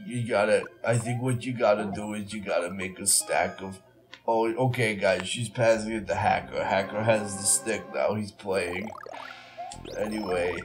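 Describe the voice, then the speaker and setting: A man's voice: lowish voice, fairly even intonation, normal speed, over music. A man with a congested voice, hosting and rambling through casual gameplay commentary as he coaches a player. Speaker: host.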